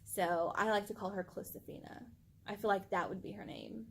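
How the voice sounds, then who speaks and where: A woman's voice: medium pitch, normal speed, creaky, slightly rough. Gushing woman chatting about her dog. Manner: gushing, chatty, full of "like" fillers. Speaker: channel co-host. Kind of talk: casual chat about pets.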